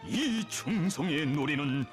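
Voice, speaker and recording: A man with a North Korean accent delivers propaganda documentary narration in a high-pitched voice. He declaims with solemn reverence and strong emotion, over a bed of music. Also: animated, slow pace.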